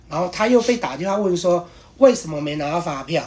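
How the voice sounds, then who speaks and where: Sex: man. Role: podcast host. Style: casual storytelling, rambling and animated, full of restarts. Pitch: fairly high. Pace: fast.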